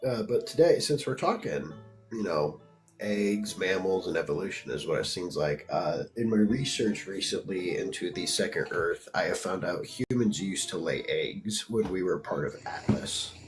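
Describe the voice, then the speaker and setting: Congested man with a low voice. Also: normal speed, soft background music. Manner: playful, deadpan tall tales. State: stuffed up, congested. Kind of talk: casual chat.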